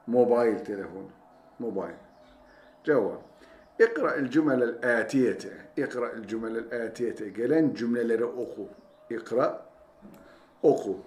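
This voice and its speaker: Male teacher, repeats and translates each phrase, echoey room, faint background hum. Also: mid-range voice. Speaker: Arabic teacher. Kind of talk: language lesson. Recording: roomy echo, faint ambience.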